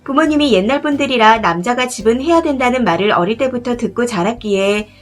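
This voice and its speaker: A woman narrating a first-person story in a steady, measured reading voice. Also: a little high. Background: faint background music.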